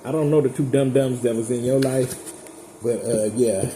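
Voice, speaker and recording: A man's voice: mid-range voice, steady tone, moderate pace, mellow. A man giving a casual tarot reading straight to his viewers, chatty, blunt and profane. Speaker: tarot reader. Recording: echoey room with background noise.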